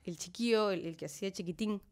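A woman with a Peruvian Spanish accent, an actress telling anecdotes as a podcast guest in an animated, laughing way. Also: medium pitch, fast talker. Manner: animated, laughing storyteller who acts out quotes. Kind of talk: casual storytelling interview.

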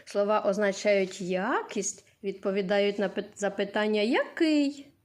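A woman's voice: medium pitch, darkish tone. A woman teacher giving a literacy lesson to young children, asking simple questions and answering them herself. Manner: slow, sing-song questions to small children. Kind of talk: early-years literacy lesson.

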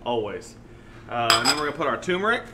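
A man's voice: mid-range voice, big pitch swings, fast, distant mic. A man co-hosting a live cooking demo in a restaurant kitchen, upbeat with punchy exclamations. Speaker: cooking show co-host. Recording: loud kitchen noise.

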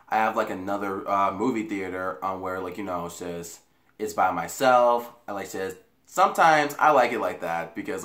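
In a small bedroom, a young American man rambles through a casual story to camera, swearing and repeating himself. His voice is fairly low with a fairly bright tone. A camera mic a few feet away picks him up, and the room sounds echoey.

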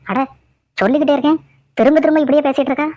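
A woman voices a fussy, nagging middle-aged cartoon mother-in-law, scolding and repeating herself in a high, very fast, natural voice. The audio is dull, dry, and lo-fi.

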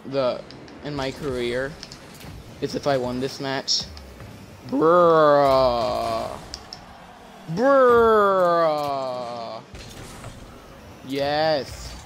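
A young man commentating his own gameplay, excitable, yelping and shouting at plays, faint game music behind. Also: medium pitch, slow pace, slight background noise. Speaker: gamer.

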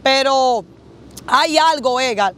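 High-voiced woman pastor giving testimony. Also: slow, fairly bright tone. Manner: earnest, repeats the host's name often. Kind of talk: testimony interview.

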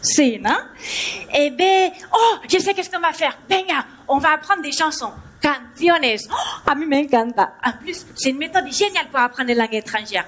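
Woman, Spanish accent, high voice; stand-up as an exuberant language teacher on a stage mic. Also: expressive, moderate pace, fairly bright tone. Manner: playing a bubbly Spanish language teacher, mixing Spanish into French. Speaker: stand-up comedian. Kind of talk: stand-up comedy routine. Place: theater stage before a live audience.

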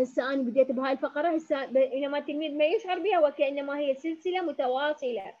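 High-voiced Iraqi woman teaching syllables. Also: lo-fi sound. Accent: Iraqi Arabic. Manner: coaxing pupils with endearments, sounding out syllables. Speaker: educational supervisor. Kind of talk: demonstration lesson for teachers.

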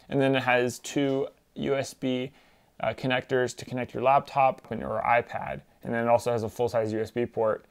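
A young man giving a relaxed, plain-spoken how-to demonstration at a desk in a small room. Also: mid-range voice, gravelly, smooth. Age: young adult. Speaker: tech trainer.

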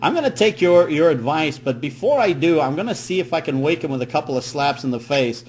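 Feigning naive worry, a middle-aged prank caller rambles through an improvised comic call indoors in a small home room. He talks fairly quickly in an expressive voice that sits on the high side and sounds a little mellow, captured as noisy, humming webcam audio.

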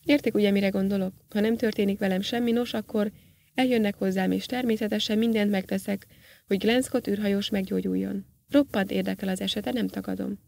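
A woman's voice: mid-range voice, steady tone, gravelly, darkish tone, lightly acted. A woman reading an audiobook, voicing a formal older male professor who questions politely but insistently.

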